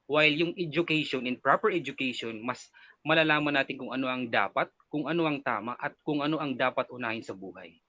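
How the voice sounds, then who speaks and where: Male candidate, bright tense voice, earnest and respectful. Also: mid-range voice, fast, no room sound, lo-fi sound. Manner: polite, earnest, uses po. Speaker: pageant candidate. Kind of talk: interview answers.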